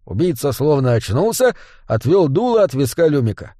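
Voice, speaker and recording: Lively male audiobook narrator. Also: a little high, normal speed, no echo, studio quality.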